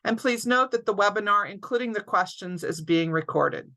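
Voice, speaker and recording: Host, female; crisp bright voice, runs through housekeeping before the interview on a video call. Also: medium pitch, lively intonation, normal speed, rough recording. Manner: clear, orderly housekeeping announcements. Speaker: alumni director, interview host. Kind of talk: scripted webinar introduction. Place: home or office, online webinar.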